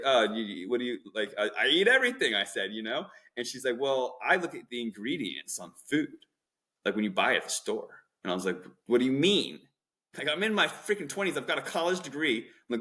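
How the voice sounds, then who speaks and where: A man's voice: mid-range voice, a bit bright. A man in his thirties, a documentary filmmaker guest, telling long casual stories full of "like" fillers and acted-out quotes. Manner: chatty, lots of "like" fillers, acts out quotes. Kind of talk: casual rambling storytelling.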